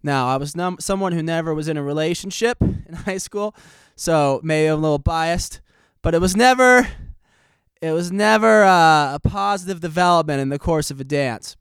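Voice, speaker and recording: A young man in his late twenties hosts a casual podcast, telling a story in a rambling, joking, self-deprecating way. His voice sits a little high for a man and sounds smooth and clean. He is slightly out of breath, and the recording is dry and close. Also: moderate pace, no room sound. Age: 20s. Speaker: podcast host.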